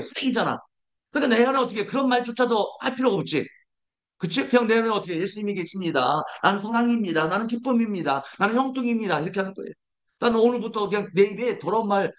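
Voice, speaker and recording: A man's voice: sits high, fairly bright tone. A man preaching a sermon as pastor, leading the congregation in declarations and asking rhetorical questions he answers himself. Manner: declarative, leads congregation in call-and-response.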